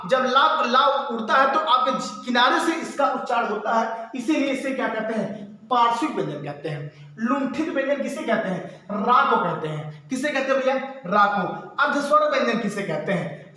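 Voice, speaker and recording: A man's voice: extremely high pitch, expressive, moderate pace, sharp tone, a little hiss or hum. A male teacher giving an exam-prep lesson, asking and answering his own questions and repeating the answers. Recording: very echoey room.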